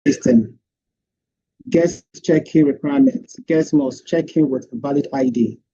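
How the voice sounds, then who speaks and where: A man presenting his capstone project over an online meeting, heard through screen-recorded call audio, walking through his slides with frequent hesitant pauses. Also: mid-range voice, slightly rough, lo-fi sound. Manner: steady walkthrough with frequent hesitant "um"s. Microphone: computer or headset mic on a video call.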